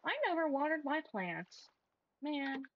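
A woman's voice: high voice, expressive, measured pace, dull audio. A young woman streamer giving casual, chatty, self-deprecating commentary while she plays a game, with frequent exclamations.

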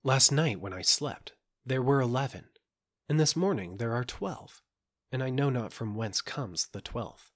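A man's voice: mid-range voice, lively intonation, unhurried. A man voicing a vain, cruel young princess in an audiobook fairy tale, speaking haughtily. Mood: haughty. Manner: haughty, scornful.

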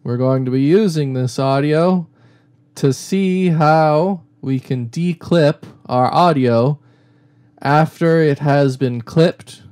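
A man reading a slow, deliberate test line, recorded with the gain set so high that the audio clips and distorts with a rattling crunch. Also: a little mellow. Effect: clipped, distorted recording with a rattling crunch. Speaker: audio tutorial host.

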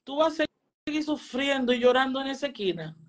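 A woman's voice: high-pitched, expressive, a little fast, voice pushed up. A woman voicing a stern, fatherly male spirit who scolds in commanding tones.

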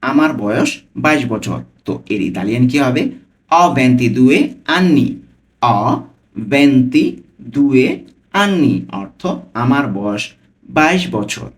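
Man teaching Italian phrases slowly. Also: mid-range voice, lively intonation. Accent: Bangladeshi Bengali. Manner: breaks phrases into words and repeats them slowly. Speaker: language teacher. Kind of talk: language lesson.

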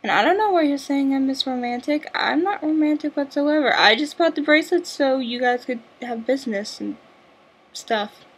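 A woman's voice: sits high, normal speed. A young woman vlogger chatting casually and bubbly, with lots of filler words. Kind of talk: casual chat.

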